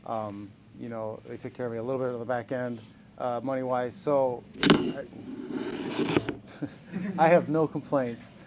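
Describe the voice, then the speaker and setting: A professional fighter in his forties answers reporters in a casual scrum, upbeat and self-mocking, often chuckling. He speaks at a medium pitch with fairly even intonation and a measured pace broken by long pauses, over a noisy background.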